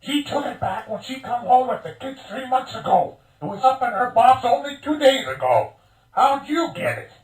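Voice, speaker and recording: A suspicious, cantankerous old woman for a video game. The old hag speaks high, in a curt country way with rough grammar. The sound is echoey and set back from the mic. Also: expressive, moderate pace, distant mic. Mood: suspicious, irritated. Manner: curt, folksy, ungrammatical drawl. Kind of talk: video game character acting.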